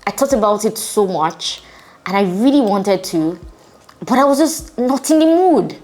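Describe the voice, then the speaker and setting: A woman's voice: medium pitch, expressive, unhurried, darkish tone. A woman in her twenties, hungover, talking casually and reflectively to viewers as a vlogger. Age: 20s. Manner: informal, reflective, conversational. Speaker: vlogger and channel host. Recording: music behind the voice. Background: music.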